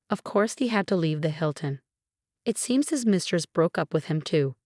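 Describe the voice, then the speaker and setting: Low-voiced woman narrating a story. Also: no room sound, clean studio sound. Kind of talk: scripted first-person narration.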